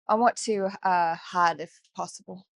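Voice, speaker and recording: A woman's voice: lowish voice, gravelly, no room sound. A woman playing a tabletop game, hesitant and asking questions. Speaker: player.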